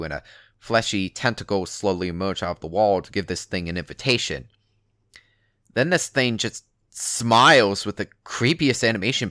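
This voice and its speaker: Bright, forceful low-voiced man narrating casually. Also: no echo, clean studio sound. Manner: casual, sweary, emphatic. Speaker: narrator reading a written forum post aloud. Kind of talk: dramatic reading of an internet horror story, conversational first-person narration.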